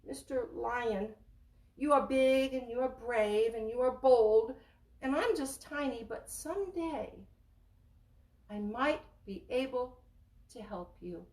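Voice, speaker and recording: A woman's voice: fairly high pitch, takes it slowly, a little mellow, roomy sound, distant mic, poor audio. A woman voicing a tiny male mouse in a storybook tale, begging politely. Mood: pleading.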